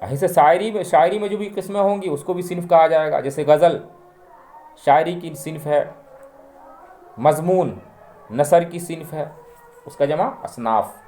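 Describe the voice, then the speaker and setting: A man teaching a spoken grammar lesson, reading out word pairs one by one and repeating them slowly and deliberately for learners. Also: a little high, dark tone, roomy sound. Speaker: language teacher.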